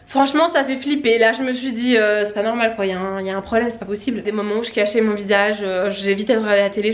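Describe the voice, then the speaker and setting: A young woman chatting casually to camera at home in a family vlog, rambling and breezy with lots of fillers. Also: on the high side. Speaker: family vlogger. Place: at home, indoors.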